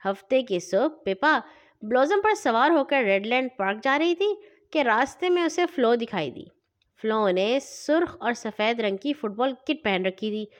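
Lively, high-voiced woman storyteller. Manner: expressive, lively reading. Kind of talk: children's story reading.

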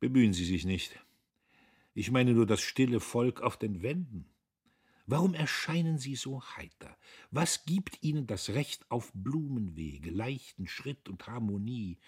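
A man's voice: mid-range voice, lively intonation, measured pace, darkish tone, husky, voice pushed up. A man reading an audiobook, voicing a drunk, sentimental older liberal who declaims grandly. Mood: musing grandly. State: tipsy.

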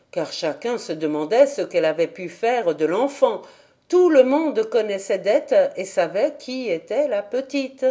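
A woman reading a classic children's story aloud in a calm, even voice. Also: mid-range voice. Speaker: audiobook reader. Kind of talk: storybook narration.

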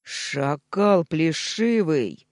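A reader acting out a furious young man in an audiobook, growling and hissing his words, slow and heavy, with a lively pitch, recorded close and dry. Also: no echo, natural voice. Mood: enraged.

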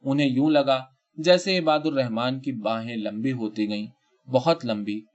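Man, story reader, measured literary narration, mid pitch, dull lo-fi recording. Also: steady tone.

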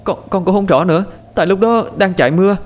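A man voicing a panicked young older sister who searches for her brother, pleading in a high, frantic voice. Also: fast talker, close to an everyday voice.

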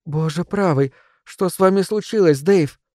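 A man's voice: high voice, normal speed, a little mellow, no room sound, studio quality, pitched above the performer's own voice, close to an everyday voice. A man voicing an earnest, caring young woman in an audiobook reading. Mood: tender, anxious.

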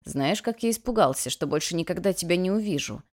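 A woman voicing a big, devoted male talking cat in an audiobook, speaking in a soft, hushed purring tone. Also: on the low side, lively intonation, fast talker. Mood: tender.

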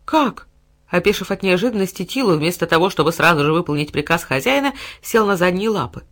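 A woman narrating a fairy-tale audiobook in an even, expressive storytelling voice. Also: fairly low pitch, quick pace.

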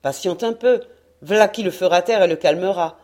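A woman voicing a suspicious, boisterous old male sailor who shouts with loud, mocking excitement. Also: fairly low pitch, moderate pace, lightly acted. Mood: scornful.

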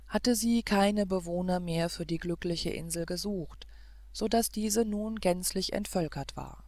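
A woman narrating an old fairy tale for an audiobook in a calm, measured storytelling manner. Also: mid-range voice, no echo.

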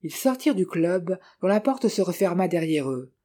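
An audiobook reader narrating a novel in a measured, even storytelling manner. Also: medium pitch.

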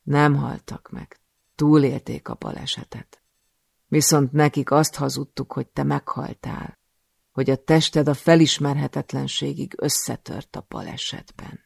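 A man reading an audiobook, voicing a cruel, scheming male cult master who speaks slowly and with menace. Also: medium pitch, fairly even intonation, vocal fry, husky, dry recording, clean studio sound. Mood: pleading.

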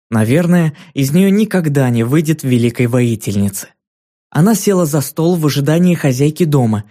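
A man narrates a children's fantasy audiobook in a measured, storytelling read. His voice sits a little high for a man, yet the tone is mellow and dark. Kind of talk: scripted narration.

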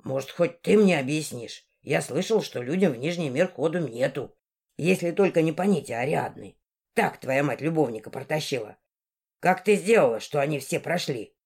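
A woman's voice: deep voice, lively intonation, normal speed, gravelly, darkish tone, husky, voice pushed down, full character voice. A woman doing a sardonic talking raven. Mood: puzzled. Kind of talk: audiobook character voice.

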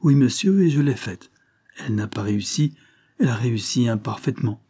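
Man doing a respectful detective, soft and husky, a bit raised. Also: mid-range voice, lively intonation, fairly quick. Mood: earnest. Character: earnest male police investigator, sighing.

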